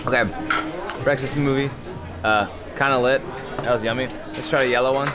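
A chatty young man narrates a casual travel vlog from an indoor buffet restaurant on a cruise ship, filming on a handheld camera held at arm's length. His mid-range voice is steady and brisk, upbeat as he reads signs aloud over background music.

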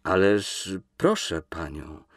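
A man's voice: low voice, sing-song, takes it slowly, heavily acted. A man reading an audiobook, voicing an embarrassed, reluctant young man who answers in a subdued, hesitant way. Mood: awkward.

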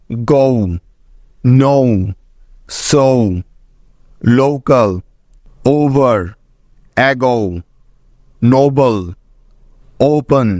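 Slow, deliberate male English teacher. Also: medium pitch, no room sound, studio quality. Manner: deliberate, reads out example words one by one. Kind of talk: scripted lesson narration.

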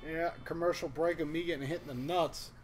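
A man hosting a casual let's play, excitable and swearing often as he talks. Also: a little high, a little fast, faint music behind. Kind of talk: casual gaming chat. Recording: gunfire and game noise over voice.

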